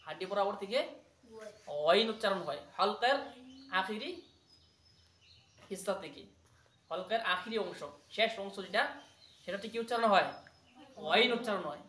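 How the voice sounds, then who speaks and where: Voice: medium pitch, moderate pace, pauses often, a bit bright. A patient Quran recitation teacher giving a pronunciation lesson to a child, repeating each sound and having it echoed back. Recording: echoey room.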